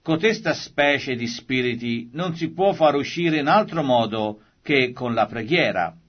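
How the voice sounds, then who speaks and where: A man's voice: mid-range voice, lively intonation. A grave teaching voice, as a male reader puts it on. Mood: solemn. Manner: solemn measured reading. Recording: slightly dull lo-fi recording.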